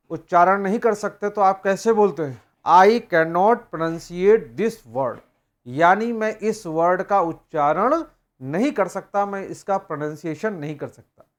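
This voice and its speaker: A man teaching grammar in a recorded lecture. He explains step by step and reads example sentences slowly, word by word. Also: high-pitched. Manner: slow, explanatory, reading English examples word by word.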